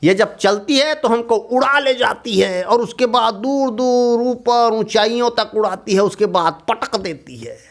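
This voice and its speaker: A man's voice: very high voice, unhurried, hardly any pauses. A man voicing a timid, easily frightened little male leaf in a children's story, with a quavering, pleading way of talking. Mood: explaining.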